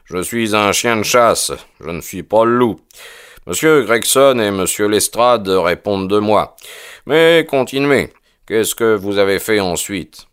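A man playing a crisp, impatient detective. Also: lowish voice, measured pace, a bit bright, no echo, clean studio sound. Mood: assured. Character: sharp, impatient, brilliant male detective. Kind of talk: audiobook character voice.

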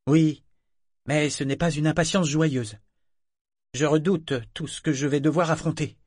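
A torn young sailor woman, her voice lifted high and fretful, earnest in every line, as a man reads her. Dry, close storybook reading. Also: fairly even intonation, measured pace, a little mellow, dry recording. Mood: anxious.

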